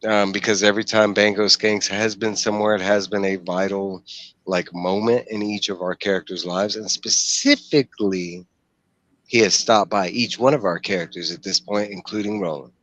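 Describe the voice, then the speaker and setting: A man in his forties hosts a casual book discussion stream over a video call from a small room at home. Using a headset mic, he explains things and puts questions to the group in a lowish, fairly bright voice with a steady tone and moderate pace.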